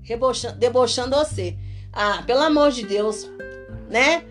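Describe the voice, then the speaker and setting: Animated woman from Minas Gerais. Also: fairly high pitch, moderate pace, faint music behind. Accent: Minas Gerais Portuguese. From Minas Gerais, Brazil. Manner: animated, laughs often, mimics prayers. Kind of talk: casual testimony and preaching talk.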